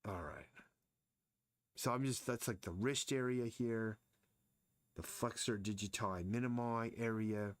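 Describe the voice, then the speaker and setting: A man's voice: lowish voice, a little slow, pauses often, no echo. A man casually thinking aloud as he sketches and explains anatomy during a live drawing stream. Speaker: artist streaming his drawing.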